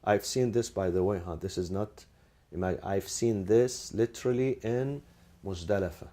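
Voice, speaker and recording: Speaking with a lowish, dark voice at a moderate pace, a man teaches a class. Rhetorical questions come up, he answers them himself, and he repeats key phrases while using Arabic legal terms.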